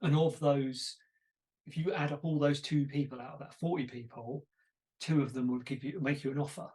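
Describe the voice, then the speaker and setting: A man's voice: mid-range voice, fairly even intonation, normal speed, a little mellow. A man hosting a podcast, chatting casually and telling stories with self-deprecating asides. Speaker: podcast host. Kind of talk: casual conversation.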